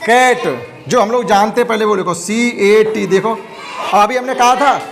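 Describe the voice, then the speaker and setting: Male primary teacher, slow and repetitive, classroom of noisy kids behind him. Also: high-pitched, creaky, a crowd in the background. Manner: slow, repetitive, spells words out letter by letter. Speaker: primary school English teacher. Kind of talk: classroom lesson. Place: school classroom. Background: children in the class.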